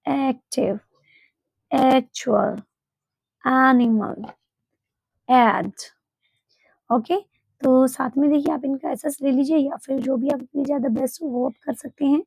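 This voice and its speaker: A woman teaching English pronunciation in a spoken English lesson, explaining slowly and repeating example words. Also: high voice, fairly even intonation, vocal fry, dark tone, dry recording. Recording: dull, dry, lo-fi home recording.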